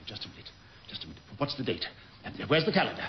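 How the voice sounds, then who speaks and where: Fussy, blustering backseat-driver naval captain. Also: male voice, high-pitched, very animated, fairly quick. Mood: flustered panic. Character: flustered, exasperated senior naval captain with pompous authority. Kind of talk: radio sitcom acting. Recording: dull, hissy old radio recording.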